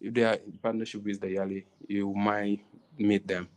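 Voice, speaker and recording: A man with a Senegalese accent, co-founder of a tourism venture, gives conversational answers in an interview. His voice is on the low side, level in tone and barely moving in pitch, at a moderate pace. He sounds hesitant and often repeats a phrase before carrying on.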